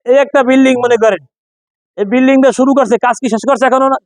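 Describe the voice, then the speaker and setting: Man, pronunciation teacher, very high voice, dry close sound, emphatic drills and repeated questions. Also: fairly even intonation, fast talker, no room sound, low-quality recording. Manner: drills students in call-and-response repetition; emphatic, repeats and quizzes the class. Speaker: Quran reading teacher. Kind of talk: classroom pronunciation lesson.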